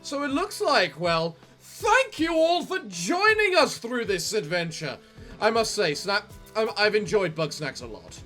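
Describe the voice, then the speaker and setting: A man with a high, bright voice gives casual gaming commentary as a co-host. He rambles in big swooping intonation, a touch theatrical, over game music. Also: sing-song, measured pace. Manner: rambling, theatrical sign-offs. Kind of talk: casual let's play commentary.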